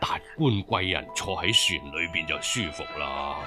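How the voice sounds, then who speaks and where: An actor playing a weary canal labourer who sighs and complains with resentment. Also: male voice, low-pitched, lively intonation, a little slow. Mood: bitter. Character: weary male canal labourer, bitter about the rich. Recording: loud music underneath.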